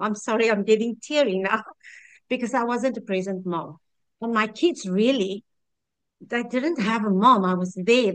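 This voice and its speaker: A woman's voice: mid-range voice, no room sound. A South African woman in her fifties telling her own story in a candid, heartfelt way, often restarting her sentences. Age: 50s. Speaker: customer sharing a testimonial. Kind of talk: personal testimonial.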